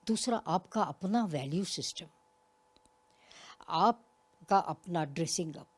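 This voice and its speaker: An older woman answering interview questions in a reflective, explanatory way. Her voice sits fairly low, but her pitch moves a lot, rising and falling as she makes each point. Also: expressive, takes it slowly, breathy edge. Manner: reflective, explains with examples, occasional soft laughs. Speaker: retired college principal, guest. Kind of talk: interview conversation.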